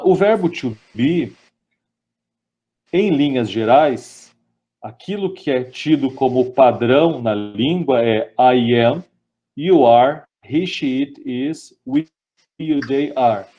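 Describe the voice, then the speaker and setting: A man with a Brazilian Portuguese accent giving a webinar grammar lesson, explaining step by step and reading out English examples slowly. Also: fairly high pitch, dark tone. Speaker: lecturer.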